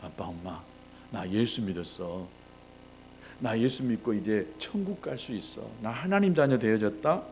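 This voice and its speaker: A man's voice: on the low side, lively intonation, normal speed, darkish tone, slight background noise. A male pastor voicing an eager pleading young boy. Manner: pleading, insistent.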